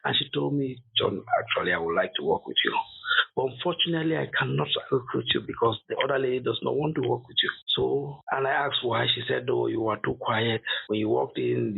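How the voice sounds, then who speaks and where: A man's voice: medium pitch, fairly quick, creaky, breathy edge. A middle-aged man from Cameroon, a university lecturer, telling his story in an interview with many restarts and fillers. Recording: tinny phone-like line.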